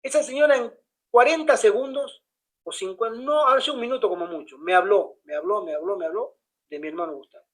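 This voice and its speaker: A man tells a story in an easy, conversational way. He jumps into the voices of the people in it as he goes and keeps the telling lively. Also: sits high, fairly quick, poor audio. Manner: animated, acts out the dialogue of others. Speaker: pastor.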